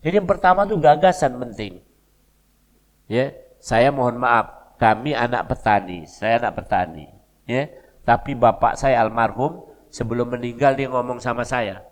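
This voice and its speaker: A man's voice: medium pitch, normal speed. Palembang-accented man preaching in a hall. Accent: Palembang Malay. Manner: conversational storytelling with local dialect asides. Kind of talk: mosque lecture. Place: mosque hall. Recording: long reverb of a mosque hall.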